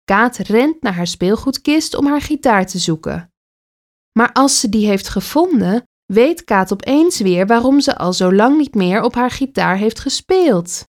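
A woman reads a children's story aloud. She takes her time and lingers on each sentence. Her pitch rises and falls expressively. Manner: slow, expressive read-aloud delivery.

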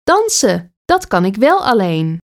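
A woman voicing a stubborn, impulsive young schoolgirl in a read-aloud children's story, in a high childlike voice. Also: big pitch swings, takes it slowly. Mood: delighted. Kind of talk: storybook character voice.

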